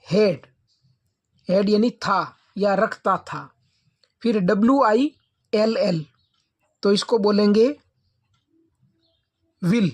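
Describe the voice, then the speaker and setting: A woman's voice: mid-range voice, darkish tone. A woman teacher with an Indian English accent giving a lesson, spelling English words letter by letter and then saying each one.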